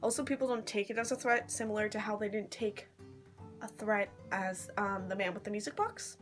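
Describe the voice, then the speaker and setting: Speaking at a medium pitch and fairly quick pace, with faint music behind her, a woman vlogs into her phone held at arm's length. She rambles in slangy, casual chat while recounting a live-action role-play event.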